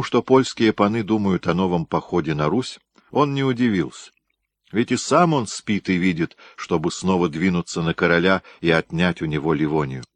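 A man reading a historical novel aloud in measured narration. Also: deep voice, dry recording. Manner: measured, storytelling. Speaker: audiobook reader. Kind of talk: scripted narration.

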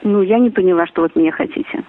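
A woman's voice: on the low side, racing, no room sound. A woman's voice sounding like a glitchy robotic call, repeating the same canned phrases over and over whatever the reply. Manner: repeats the same stock lines regardless of replies. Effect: canned looping phrases played over a call, glitchy and robotic. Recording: tinny phone line.

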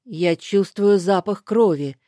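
A woman voicing a blind, caring man who speaks in a measured, steady way. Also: medium pitch, no room sound, clean studio sound, natural voice. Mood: grave. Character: blind, calm, caring man from another world.

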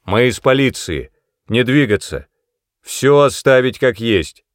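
A man reading the part of a commanding male police lieutenant who barks loud, clipped orders in an audiobook. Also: mid-range voice, lively intonation, normal speed, no echo, clean studio sound, voice pushed up, close to an everyday voice.

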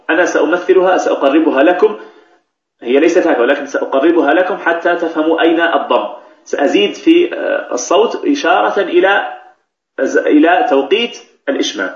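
Man teaching recitation, echoey lo-fi sound. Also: fairly high pitch. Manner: explains patiently, repeats key phrases. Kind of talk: tajweed lesson with recited examples. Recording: echoey, dull lo-fi recording.

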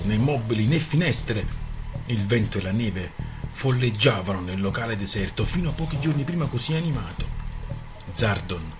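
A man reading a story aloud on the radio in a calm, measured narration. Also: lowish voice, a little hiss or hum.

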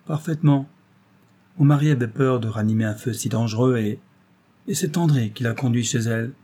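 A man's voice: mid-range voice, fairly quick, natural voice. A man reading aloud voices a playful, mischievous young woman who teases an older man. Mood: teasing. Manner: lively, teasing.

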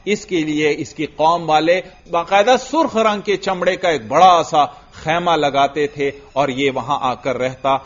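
A man teaches a religious class in a lively way, chanting Arabic verses slowly and then quizzing his students on them. His voice sits somewhat high for a man. The recording is dull and lo-fi. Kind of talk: classroom lecture explaining Arabic grammar.

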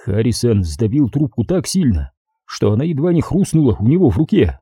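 A man's voice: mid-range voice, big pitch swings, brisk, mellow, husky, no echo, studio quality. A man reading a crime novel aloud as audiobook narrator. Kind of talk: scripted narration.

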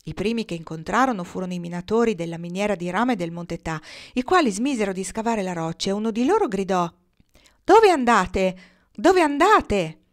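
Woman narrator, storybook reading, measured pace, expressive, mid-pitched voice. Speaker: audiobook reader.

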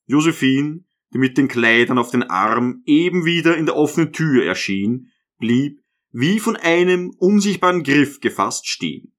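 A man narrating a literary audiobook in a measured, even manner. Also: a little high.

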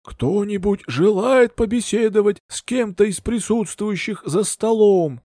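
A man's voice: high voice, a little slow, warm tone, no echo, clean studio sound, voice pushed up. A man voicing a theatrical female spirit medium who speaks in an affected, mysterious way. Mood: mystical.

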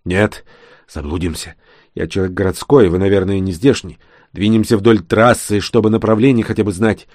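A man's voice: lowish voice, steady tone, moderate pace, a little mellow, no echo, clean studio sound, close to an everyday voice. A man voicing a cautious city man who explains the route carefully. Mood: explaining.

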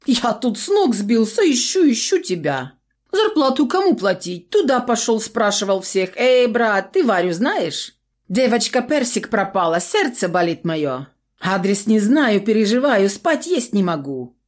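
A woman voicing a cowardly middle-aged male trader who whines, sobs and begs in a high, breaking voice. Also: sing-song, measured pace. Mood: fawning. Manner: whining, pleading, sobbing.

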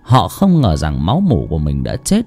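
Narrator: man, dramatic horror storytelling, animated delivery. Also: deep voice, normal speed, soft background music. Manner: dramatic, voicing characters.

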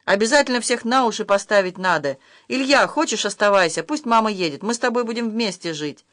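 A reader voicing an angry, short-tempered husband who yells and scoffs, in an audiobook. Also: medium pitch, animated, moderate pace, dry recording, studio quality, close to an everyday voice. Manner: yelling, scornful. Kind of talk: audiobook role reading.

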